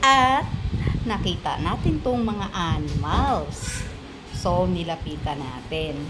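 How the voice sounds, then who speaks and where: A woman's voice: on the low side, expressive, slow pace, loud music behind the voice, poor audio. A middle-aged woman with a Filipino accent chatting casually to her phone camera as a vlogger, laughing easily and mixing in English. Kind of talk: casual travel vlog chat. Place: outdoor garden restaurant, then inside a car. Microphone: phone held at arm's length.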